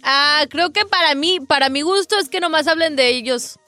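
A woman's voice: high voice, moderate pace, sharp tone, dry recording, soft background music. A woman co-hosting a radio show in casual, amused banter. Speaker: radio co-host.

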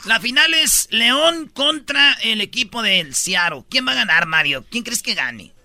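Mexican man, very bright forceful voice, dry close sound, casual radio banter, playful. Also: very high voice, lively intonation, measured pace, no echo. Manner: playful, slangy. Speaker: radio show co-host.

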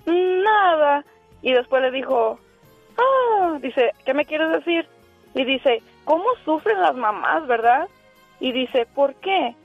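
Female caller, forties, nervous and rambling, high bright voice, dry tinny phone-line sound. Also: a little slow, creaky, husky, dry recording, soft background music. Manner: nervous and giggly, rambling with many restarts. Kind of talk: phone-in call, chatty storytelling. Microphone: telephone.

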